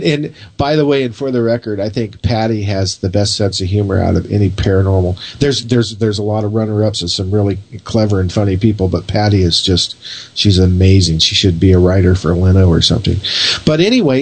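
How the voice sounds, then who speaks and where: A man chatting casually as a radio interview guest, rambling and halting as he searches for words. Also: fairly low pitch, a little mellow.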